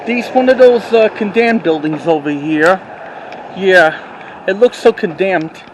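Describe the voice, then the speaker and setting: A man narrating a walking tour outdoors on a town street, rambling and halting with many restarts, recorded on a handheld camera as he walks. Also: high-pitched, lo-fi sound, slight background noise. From New York City. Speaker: vlogger. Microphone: handheld camera while walking.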